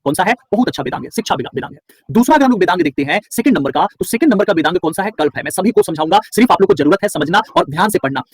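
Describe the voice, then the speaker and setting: A man's voice: high voice, lively intonation, racing, breathy edge, dry recording. A male teacher from Bihar gives an online class lecture, quizzing his students and then answering each question himself, with words repeated for stress.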